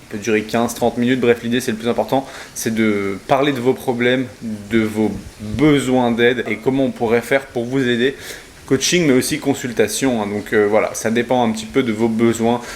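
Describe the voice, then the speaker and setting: A man's voice: medium pitch, fairly even intonation, normal speed, a little hiss or hum. A young man, a fitness coach talking casually to camera in a vlog, explaining as he goes with hesitations and self-corrections. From Belgium. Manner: chatty, explanatory, frequent "euh" fillers and self-corrections.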